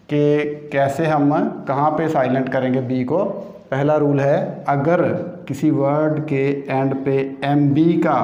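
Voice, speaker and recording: A man's voice: a little high, dark tone. A man teaching English pronunciation rules, explaining patiently step by step and repeating each key term. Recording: echoey room, dull lo-fi sound.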